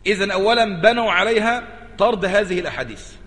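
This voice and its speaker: An Egyptian-accented sheikh gives a religious lesson in a somewhat high voice, pressing each point and repeating his key phrases. His words ring with a long reverb, as in a large hall. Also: fast, fairly bright tone, slightly rough. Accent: Egyptian Arabic. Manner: emphatic, repeats key phrases and urges listeners to pay attention. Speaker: sheikh teaching a creed lesson. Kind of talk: religious lesson, explaining a text.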